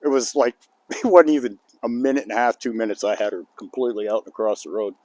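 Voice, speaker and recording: An older man telling a rambling outdoor story to the camera in a folksy way, chuckling between lines, recorded outside on a calm, cold day. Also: fairly low pitch, quick pace, no echo. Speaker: outdoor vlogger.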